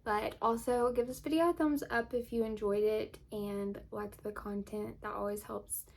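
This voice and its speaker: A woman's voice: medium pitch, steady tone, normal speed, creaky. Young woman rambling through a room tour, kinda out of breath, says little a lot. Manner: chatty, descriptive, uses "little" often. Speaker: vlogger. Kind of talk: casual home tour vlog. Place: home nursery room.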